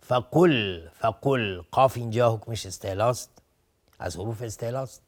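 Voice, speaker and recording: A man teaching Quran recitation on a TV lesson, chanting short phrases slowly and then explaining each rule in plain, steady speech, repeating words so learners can follow. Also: mid-range voice. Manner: repeats words to drill pronunciation.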